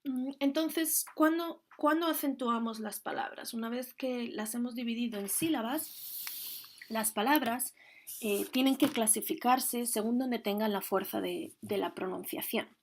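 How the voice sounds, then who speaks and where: A woman's voice: on the high side, measured pace, darkish tone, slight background noise. A woman teaching a grammar lesson, explaining the rules patiently and carefully, one step at a time. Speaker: Spanish teacher.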